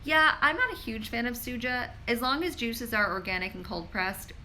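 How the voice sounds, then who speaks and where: Holding her phone as she streams live, a woman pharmacist answers viewers casually, reading their questions out loud and using "like" frequently. Her fairly high-pitched voice is bright and forceful, at a normal pace. A little hiss or hum can be heard.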